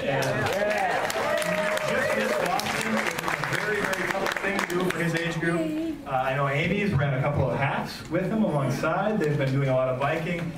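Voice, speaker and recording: A man giving an informal wedding toast speech in a joking, teasing way, recorded from far off. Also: a little high. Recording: echoey far-off mic, very noisy crowd.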